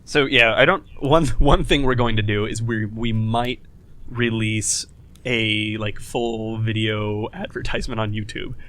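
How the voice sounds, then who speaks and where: A man's voice: fairly low pitch, fairly even intonation, measured pace, fairly bright tone. A man co-hosting a casual podcast, talking loosely and swearing freely. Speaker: podcast co-host.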